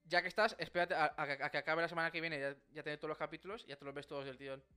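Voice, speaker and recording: A young man with a Spain accent hosting a casual chat in a jokey, animated way. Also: fairly high pitch, very fast, clean tone. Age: young adult. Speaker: podcast host.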